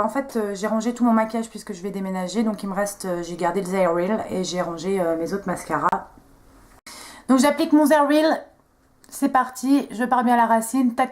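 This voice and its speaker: A beauty vlogger, this young woman has a medium-pitched, somewhat mellow voice. She casually chats through a makeup tutorial, talking viewers through each step in a chatty, self-mocking way.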